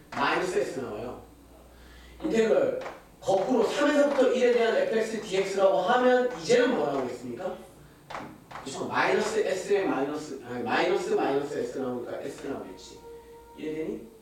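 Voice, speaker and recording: A man teaching a math class, quizzing his students and answering his own questions. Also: on the high side. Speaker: math tutor. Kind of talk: classroom lecture. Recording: echoey classroom, distant mic, hiss.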